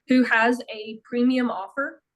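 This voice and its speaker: Woman, coaching client, higher pitch, brief agreeing replies. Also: fairly even intonation, a little slow, fairly bright tone, poor audio. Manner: short agreeing replies, reads prompts aloud. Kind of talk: casual coaching session.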